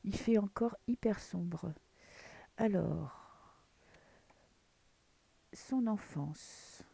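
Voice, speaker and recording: A woman's voice: mid-range voice, extremely slow, creaky, mellow, slightly rough. A woman with a French accent chatting casually while she reads tarot cards, rambling with many fillers and restarts. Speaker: tarot reader. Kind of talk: casual chat with tarot reading. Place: dim room at home, early morning.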